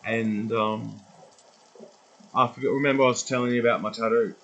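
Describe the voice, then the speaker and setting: A man's voice: medium pitch, steady tone, moderate pace, dull audio, background noise. A man in his twenties rambling through a casual vlog monologue, swearing freely and losing his track. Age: 20s. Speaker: vlogger.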